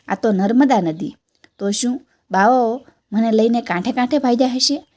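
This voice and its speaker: A woman narrating a children's adventure book aloud in a steady storytelling manner. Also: fairly high pitch. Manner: reads a first-person boy's adventure aloud, voicing the sadhus' threats plainly. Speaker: audiobook reader.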